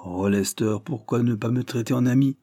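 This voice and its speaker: A man voicing a generous wealthy gentleman who kindly insists on helping a friend in an audiobook. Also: medium pitch, normal speed, dry recording, studio quality, lightly acted. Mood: coaxing.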